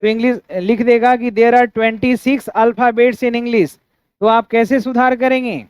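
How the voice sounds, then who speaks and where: High-voiced Indian man teaching grammar. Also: little pitch movement, slow, clear, resonant tone, dry recording. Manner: asks students frequent checking questions; spells out words syllable by syllable. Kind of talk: classroom grammar lecture. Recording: dry, dull lo-fi sound.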